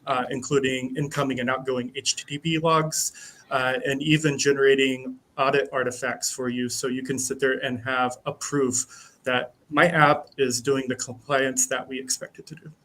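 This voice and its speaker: A man, a software engineer appearing as a guest, explains a technical topic. He speaks at a middle pitch and fills his pauses with frequent ums.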